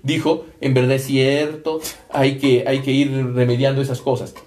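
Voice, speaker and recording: A man's voice: mid-range voice, steady tone, moderate pace, darkish tone. A man co-hosting a talk show, explaining his points emphatically and finishing his partner's sentences. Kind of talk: conversational commentary.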